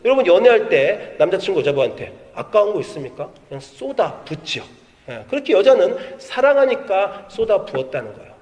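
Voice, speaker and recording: Middle-aged male pastor, high lively sermon delivery, church hall echo. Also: fairly quick. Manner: animated storytelling, acts out quoted voices. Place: church sanctuary. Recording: long hall reverb.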